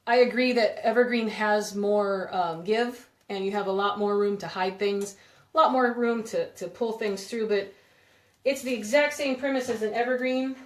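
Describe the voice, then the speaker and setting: A woman's voice: mid-range voice, normal speed, reverberant. A woman hosting a live crafting demo from her home craft room, chatting and rambling with viewers as she works with her hands. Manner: chatty, rambling, giggly, talks while working with her hands. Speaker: craft video host.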